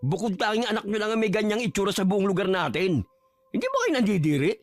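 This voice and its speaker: A man's voice: sits high, big pitch swings, fast, no room sound. A man voicing an arrogant, cruel young neighborhood thug who speaks in a mocking, insolent way. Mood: sneering. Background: faint music.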